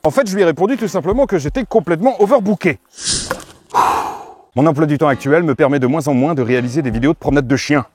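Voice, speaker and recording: A man's voice: a little high, lively intonation, fast, a little mellow, husky. A man vlogging outdoors while walking his dog, telling everyday stories in a wry, self-mocking, chatty way. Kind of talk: casual storytelling vlog.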